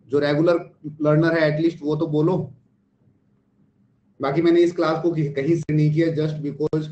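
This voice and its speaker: A man's voice: fairly high pitch, a little mellow. An Indian man teaching a live online class, firing rhetorical questions at students and mixing in English phrases. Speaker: online test-prep teacher. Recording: echoey, dull lo-fi stream.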